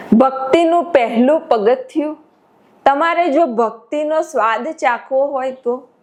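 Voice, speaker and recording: Delivering a devotional sermon at an unhurried pace, a high-voiced woman speaks as a spiritual teacher. She repeats phrases to build and emphasize her points.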